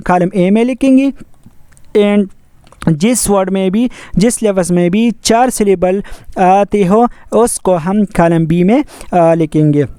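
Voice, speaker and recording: A man's voice: sits high, dark tone, clean tone, no room sound, studio quality. A man teaching English grammar, explaining rules step by step in a repetitive, methodical way. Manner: repetitive, methodical, mixes English terms into Hindi-Urdu.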